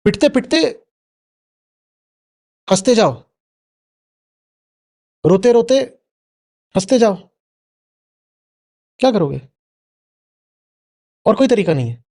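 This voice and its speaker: A man's voice: high voice, very animated, takes it slowly, long pauses, warm tone. A man giving a spoken discourse to a live audience, often prodding the listener with questions. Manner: questioning, prods listener with "hmm?". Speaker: spiritual teacher answering an audience member.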